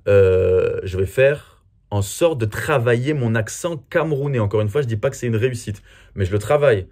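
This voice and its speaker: A man's voice: mid-range voice, expressive, moderate pace, a little mellow. A man from France answering viewer questions in a casual, chatty and self-mocking way. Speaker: comedy video creator. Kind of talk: casual Q&A vlog.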